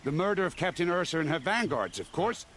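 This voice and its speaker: An actor playing a haughty, officious city gate guard in a video game, pompous and scornful. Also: male voice, a little high, big pitch swings, quick pace, fairly bright tone, a little hiss or hum.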